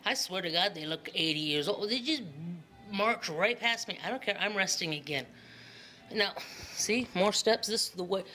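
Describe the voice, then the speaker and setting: This middle-aged vlogger has an expressive mid-range voice, pushed and bright, moving at a moderate pace over slight background noise. Holding her phone or camera at arm's length, she talks casually and emphatically and often repeats words for effect. She's mostly out in hilly town streets, with some indoor footage.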